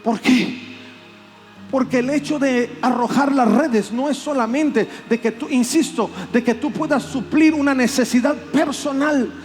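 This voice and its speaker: A man preaching a sermon as pastor, animated and acting out plaintive voices. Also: extremely high pitch, unhurried, soft background music. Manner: animated, acts out voices of complaint.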